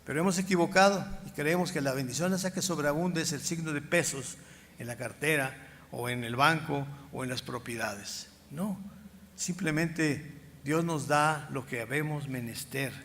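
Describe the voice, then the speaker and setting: An older man with a Mexican accent, a pastor preaching a sermon with personal testimony, speaking emphatically and slowing down as his voice swells louder on key points. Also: fairly high pitch. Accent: Mexican Spanish. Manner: emphatic, slow stretches rising in loudness, acts out past dialogues. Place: church sanctuary. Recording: long church reverb, faint room noise.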